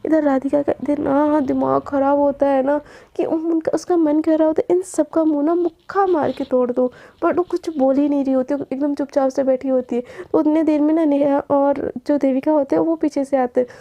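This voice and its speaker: Woman casually telling a college love story, high voice with a gravelly edge. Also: fairly even intonation, moderate pace, warm tone, dull audio. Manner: retells a romance story, voicing each character's lines herself. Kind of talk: casual spoken story narration.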